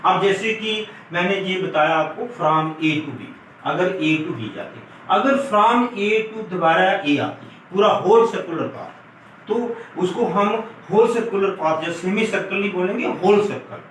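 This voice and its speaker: Male lecturer, slightly high voice, step-by-step classroom explaining, faint background hiss. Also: unhurried, fairly bright tone. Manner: explains step by step, mixes English terms, calls students "beta". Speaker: physics lecturer. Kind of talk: classroom lesson at a board. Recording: echoey room from far off, faint noise.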